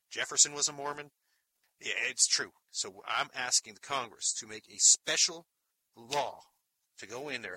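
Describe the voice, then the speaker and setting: A man's voice: medium pitch, sharp tone, slightly rough, dry recording, poor audio. A male caller in a comedy radio sketch, talking like a pushy salesman.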